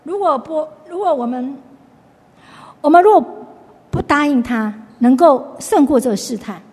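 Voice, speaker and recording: A woman's voice: high-pitched, moderate pace, darkish tone, long reverb tail. A woman giving a chatty Bible lesson, retelling the story and restarting her sentences often. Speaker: Bible study teacher. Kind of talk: conversational Bible teaching.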